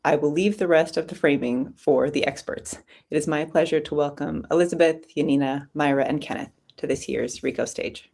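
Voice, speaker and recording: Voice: medium pitch, moderate pace, gravelly, darkish tone. A conference host formally introduces the panelists by name and title. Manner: formal, reading names and titles. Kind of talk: scripted introduction.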